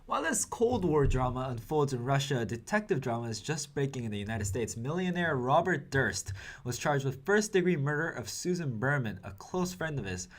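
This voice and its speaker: A young man reads the news in a mid-pitched voice. He mixes scripted reports with wry, editorial comments of his own, delivered like an anchor of a small online show. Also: sing-song, normal speed. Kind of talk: news report with personal asides.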